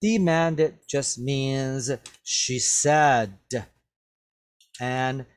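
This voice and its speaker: A man's voice: mid-range voice, very slow, clean tone. A man teaching English, reading a story aloud to students and explaining the words, patiently repeating each one several times into a webcam.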